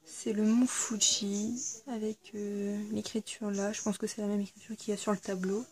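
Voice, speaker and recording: A woman's voice: medium pitch, little pitch movement, moderate pace, a little mellow. A woman chatting casually through an unboxing video, hesitant, with lots of fillers and self-corrections. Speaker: YouTuber reviewing a subscription box.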